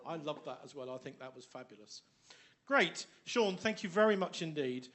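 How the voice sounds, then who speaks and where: A man's voice: a little high, animated, normal speed, fairly bright tone. A man with an English accent moderating a conference session, chatty and effusive with many restarts. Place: conference hall.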